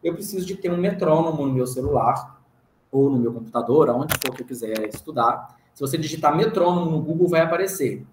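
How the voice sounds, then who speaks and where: A man with a Brazilian Portuguese accent teaching an online music theory class, patiently explaining and counting rhythm syllables aloud. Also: a little high. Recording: roomy echo, faint hiss.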